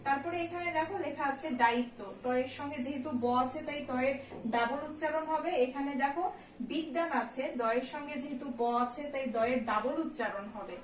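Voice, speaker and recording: A woman, a college teacher, giving a recorded lesson. She explains slowly, step by step, and keeps checking in with her students. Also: high voice. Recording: echoey room, distant mic, faint ambient noise.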